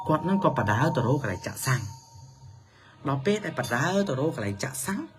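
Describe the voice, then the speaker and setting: A man telling a story for children in a lively manner, his pitch swinging up and down. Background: music.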